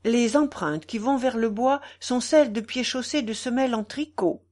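A woman reading aloud, voicing a grown male village priest who speaks earnestly and gravely. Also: on the high side, expressive, normal speed, darkish tone, voice pushed up.

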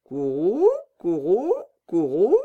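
A woman's voice: on the low side, huge pitch swings, takes it slowly, narrow, tinny audio, exaggerated voice. A woman voicing a pair of chatty wood pigeons that coo between their words, in a storybook reading. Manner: cooing, chatty.

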